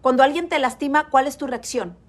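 A woman's voice: high-pitched, a little fast. A woman in her thirties giving a motivational talk, speaking emphatically, repeating key phrases and putting questions straight to her listeners.

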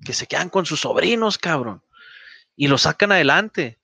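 A man's voice: fairly high pitch, animated, normal speed, creaky, bright, forceful tone, slightly rough, no room sound. A man with a Mexican accent hosting a podcast in casual conversation, rambling with lots of fillers and laughing often. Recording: dull, dry podcast audio.

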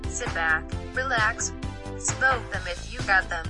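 A woman reads a show intro very slowly, phrase by phrase. Her voice has a middling pitch and sits over a clear music bed. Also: animated. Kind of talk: slow show-intro announcement.

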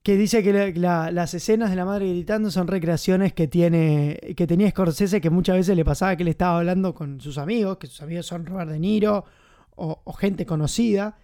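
Casting: Argentine man, casual film-review host, chatty, high mellow voice. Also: moderate pace, smooth. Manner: chatty, enthusiastic, many fillers.

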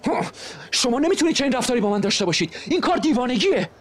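A man's voice: extremely high pitch, very animated. A man voicing a frail, pale young husband who protests earnestly and formally. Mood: alarmed.

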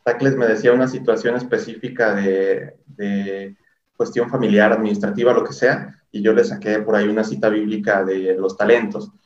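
A man's voice: fairly low pitch, fairly even intonation, moderate pace, highs cut off. Man rambling in an echoey room. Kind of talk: casual chat.

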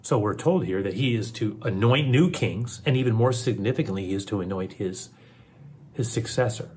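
A man with a lowish voice preaches a sermon, repeating phrases as he builds. He presses hard on some lines and drops to a near-whisper on others. A faint hiss sits under the recording. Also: moderate pace. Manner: swings between forceful emphasis and soft near-whisper, repeats phrases. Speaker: pastor.

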